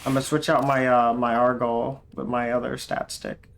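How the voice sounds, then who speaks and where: A young man thinking aloud as he streams a video game, with loose, rambling talk that often restarts and slips in casual swearing. His voice sits at an ordinary middle pitch, with a faint hum of room noise behind it. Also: level tone, normal speed, gravelly, a bit bright. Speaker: livestreamer playing a video game. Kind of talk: casual gameplay commentary.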